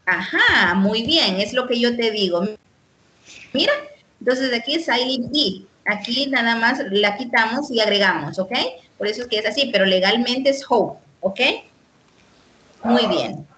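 A woman teaching an online English lesson, explaining slowly and patiently and often checking in with "ok?". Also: fairly high pitch, expressive, pushed and bright, slight background noise. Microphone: computer mic on a video call.

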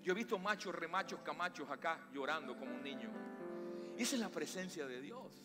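Fervent Latin American pastor preaching. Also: male voice, on the high side, expressive. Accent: Latin American Spanish. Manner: fervent preaching with emphatic rises and slow stressed phrases. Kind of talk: sermon. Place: church sanctuary. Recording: long church reverb with faint music.

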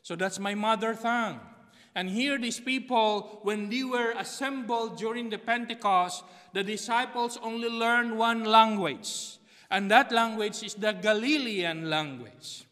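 The speaker is a middle-aged pastor from the Philippines, Tagalog his first language, delivering a sermon with repeated key phrases behind a pulpit in an empty sanctuary. His voice is high-pitched, bright and forceful, a little slow, with a Filipino accent. It's recorded via a pulpit mic on a stand and a far camera in a long-reverb hall.

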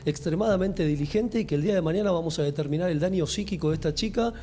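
A man working as a lawyer, speaking formally and deliberately in a live TV interview outdoors on a handheld mic. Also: fairly high pitch, dark tone, slight background noise. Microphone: handheld microphone.

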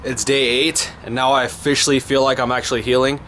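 A man's voice: medium pitch, flat delivery, fast talker, fairly bright tone, a little hiss or hum. A man in his twenties giving a casual diary update, his mouth slightly swollen after wisdom teeth removal. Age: 20s. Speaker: vlogger. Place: parked car, driveway and bedroom. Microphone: handheld camera at arm's length.

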